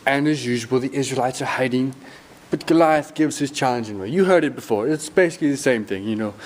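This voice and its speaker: A man's voice: medium pitch, fast, a little hiss or hum. A man retelling a Bible story in a comic way, with playful, teasing asides to his listeners.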